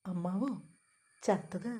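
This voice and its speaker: A woman reading the part of a calm, vengeful young man who speaks in a controlled, cutting way. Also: on the low side, slow. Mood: coldly mocking.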